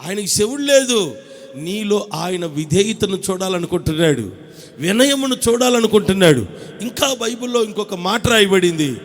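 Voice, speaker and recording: A man's voice: sits high, lively intonation, moderate pace, long reverb tail. A man pastor delivering an impassioned sermon, firing off rhetorical questions and calling for responses from the congregation. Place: church hall.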